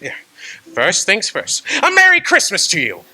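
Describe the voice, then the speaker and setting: An actor playing Ebenezer Scrooge, an old miser turned giddy and joyful, in a radio drama, with an exuberant, laughing, theatrical delivery. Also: male voice, high voice, huge pitch swings, moderate pace, sharp tone, breathy edge, full character voice, low-quality recording. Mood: gracious.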